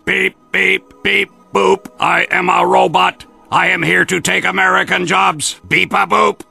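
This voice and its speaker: A man's voice: high voice, flat delivery, measured pace, creaky, pushed and bright, slightly rough, soft background music, pitched below the performer's own voice, heavily acted. A man voicing a nervous robot that talks in beeps and boops. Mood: deadpan. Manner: stiff beeping robot voice.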